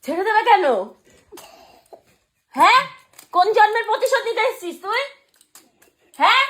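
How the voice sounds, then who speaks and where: A woman's voice: very high-pitched, expressive, moderate pace, fairly bright tone. A young woman, a mother, squabbling playfully and mock-indignantly with her little daughter on a home phone video. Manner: teasing, mock-indignant, bickering. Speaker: mother, family vlogger. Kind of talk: playful family squabble on camera.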